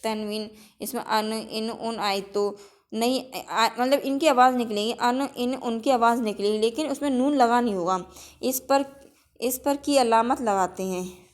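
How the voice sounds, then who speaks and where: A woman's voice: a little high, unhurried. A woman teaching an exam-prep lesson, stating each rule, repeating it and asking it back as a question before listing example words. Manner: drills with example words in a list.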